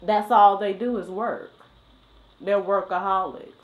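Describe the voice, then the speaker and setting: A woman's voice: medium pitch, steady tone, unhurried, muffled recording. A woman asking questions as the interviewer in a casual family conversation. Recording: echoey room.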